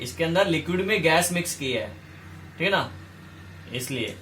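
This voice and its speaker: High-voiced man teaching in an echoey room. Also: fairly bright tone, recorded from a distance. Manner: explains step by step, repeats key terms, asks "ठीक है". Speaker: chemistry teacher. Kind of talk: classroom lecture.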